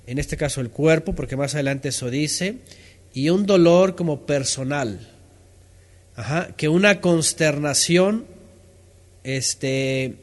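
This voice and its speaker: A man's voice: fairly high pitch, slow pace. Man teaching from the Bible. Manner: asks questions, reads out responses from listeners; reads scripture aloud, stopping to comment.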